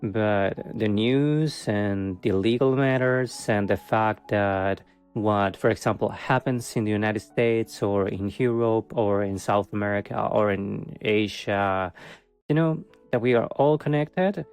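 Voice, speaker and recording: A man's voice: on the low side, slow pace, a little mellow, clear, resonant tone, faint music behind. A man giving a casual monthly tarot reading, hesitant and full of fillers, with a wry, sarcastic streak and frequent laughs. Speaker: tarot reader.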